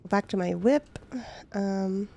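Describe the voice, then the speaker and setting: A woman's voice: medium pitch, slow pace, vocal fry, warm tone. A young woman streaming a game, chatting casually and giggling to herself as she plays. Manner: giggly, chatty, talks to herself while playing. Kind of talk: casual gameplay commentary.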